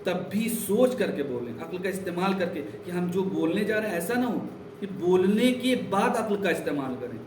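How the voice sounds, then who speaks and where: A man's voice: sits high, expressive, a little mellow, a little hiss or hum. A man giving a religious lesson, explaining with emphatic repetition and telling stories. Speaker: religious teacher. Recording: roomy echo, distant mic.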